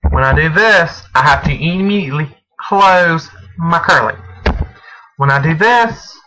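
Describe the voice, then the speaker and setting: A man narrating a step-by-step programming screencast, speaking in halting, deliberate phrases as if dictating while he types. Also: on the high side, expressive, pushed and bright. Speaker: programming tutorial presenter. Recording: noisy home recording with mouse and key clicks. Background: clear background noise, clicking.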